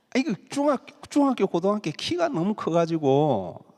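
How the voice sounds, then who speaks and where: A man's voice: high-pitched, big pitch swings, unhurried, a little mellow, long reverb tail. A male pastor preaching a sermon, acting out pleading prayers in dramatic voices.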